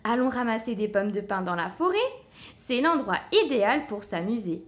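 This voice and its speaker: A woman voicing a cheerful, kind little female cub heroine who speaks in eager, bright exclamations in a storybook reading. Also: mid-range voice, lively intonation, moderate pace, natural voice.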